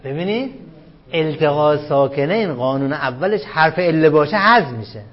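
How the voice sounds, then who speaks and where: A man's voice: a little high, animated. A man teaching a grammar class, who keeps questioning his students and repeats the rules with emphasis. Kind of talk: classroom lecture on Arabic grammar. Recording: dull lo-fi classroom recording.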